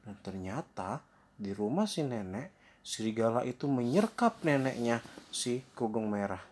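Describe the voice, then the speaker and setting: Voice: medium pitch, sing-song, normal speed, a little mellow. A storyteller retelling a fairy tale in a loose, casual way with fillers and asides.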